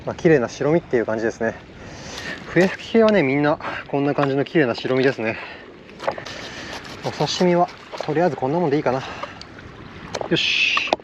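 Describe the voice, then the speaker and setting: A man's voice: mid-range voice, fairly quick, long pauses, highs cut off, background noise. A man with a slight Kansai accent, talking casually and cheerfully to the camera as a fishing vlogger outdoors, laughing often. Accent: slight Kansai dialect. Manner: upbeat, excitable, laughs often. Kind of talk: casual outdoor vlog narration. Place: outdoors on an island shore.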